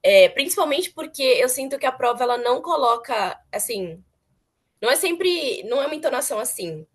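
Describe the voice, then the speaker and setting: A woman's voice: sits high, sing-song, fairly quick, breathy edge. A young woman chatting earnestly as an interviewee, repeating words for emphasis. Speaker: former student interviewee. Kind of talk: casual interview chat.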